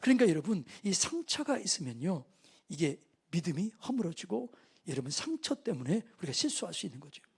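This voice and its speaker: Husky high-voiced male preacher. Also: big pitch swings, fairly quick. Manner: call-and-response preaching, asks the congregation questions. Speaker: preacher at a revival meeting. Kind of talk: sermon. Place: church.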